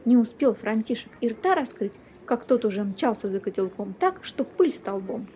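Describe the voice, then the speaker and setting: A woman reading a children's fairy tale aloud in a lively, expressive storytelling manner. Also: a little high, moderate pace, slight background noise.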